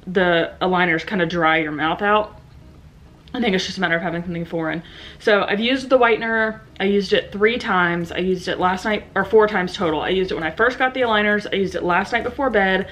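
A young woman talks casually to a camera propped up in her bedroom. She is chatty and fills her talk with ums and likes. A slight lisp softens her S and SH sounds. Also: medium pitch. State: slight lisp from new aligners. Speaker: vlogger. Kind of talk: casual vlog talking to camera. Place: bedroom at home. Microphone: camera set down in front of her.

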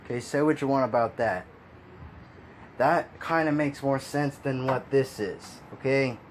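A man's voice: medium pitch, unhurried. Male commentator with a mid-range voice, exasperated ranting delivery, faint noise floor. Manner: frustrated, exasperated ranting with sighs and laughs. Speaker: video commentator.

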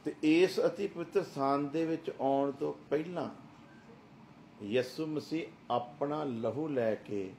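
A middle-aged male pastor delivers an emphatic sermon, pressing his points with rhetorical questions. His voice sits at an ordinary middle pitch. A faint background noise runs under the recording. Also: creaky, dark tone.

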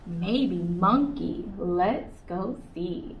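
A young American children's librarian, her voice fairly low in pitch, reads a picture book to kids in a small indoor room, animated and drawing out her words in a playful sing-song. The sound is slightly distant and dull, with a faint hiss.

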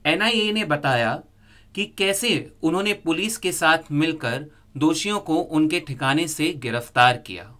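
A man reading a scripted news report as a voice-over, in a steady, measured way. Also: a little high.

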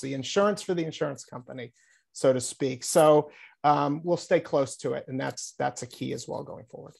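A man's voice: medium pitch, vocal fry, a little mellow, slightly rough. A middle-aged man, an insurance executive, speaking earnestly on a panel video call through earbuds from a small office, with many restarts.

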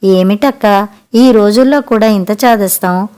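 A woman's voice: medium pitch, a little slow, mellow, clean tone, close to an everyday voice. A woman reading a story aloud, voicing a middle-aged uncle who protests firmly and with annoyance. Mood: protesting. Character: middle-aged uncle, firm but reasonable.

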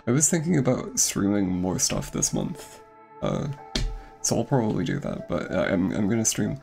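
A young man streams a game over background music, chatting casually in a rambling way, full of fillers and restarts, and sounding slightly out of breath. His gravelly voice is on the low side, with wildly swooping pitch, at a moderate pace.

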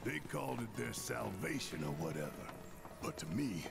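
An actor playing a burly male fighter who talks bluntly, with a gravelly voice. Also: lowish voice, very animated, moderate pace, loud music behind the voice, full character voice.

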